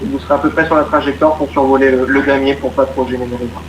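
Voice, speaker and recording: A man's voice: medium pitch, steady tone, rapid-fire. A man working as an air traffic controller, giving procedural, courteous instructions and explanations over the radio. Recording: muffled roomy radio audio, faint noise.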